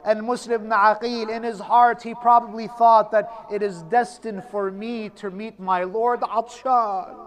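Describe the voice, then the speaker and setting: A man preaching a mournful storytelling sermon, dramatic, dropping to a hush at sad moments and breaking into chanted lament. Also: high-pitched, little pitch movement, measured pace, few pauses.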